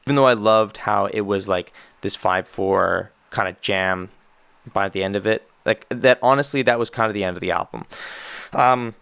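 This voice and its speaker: A man's voice: on the low side, vocal fry, a bit bright, clear, resonant tone, no room sound. A Canadian man, a musician, giving enthusiastic, rambling casual commentary as he reacts to an album.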